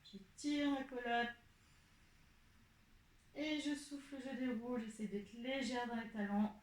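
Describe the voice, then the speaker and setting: A woman teaching a pilates class, calmly cueing each breath and movement step by step. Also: fairly high pitch, slight background noise. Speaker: pilates instructor. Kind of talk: guiding an exercise class. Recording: echoey room.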